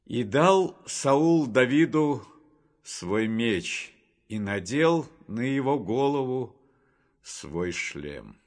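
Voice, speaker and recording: A man narrating a Bible story for a storybook reading in a measured, expressive way. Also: mid-range voice. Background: faint music.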